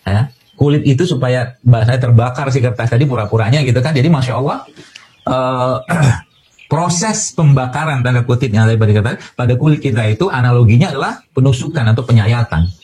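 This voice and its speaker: Dark, husky man giving a health talk. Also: medium pitch, brisk. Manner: explains with everyday analogies, many fillers. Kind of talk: explanatory health talk to an audience.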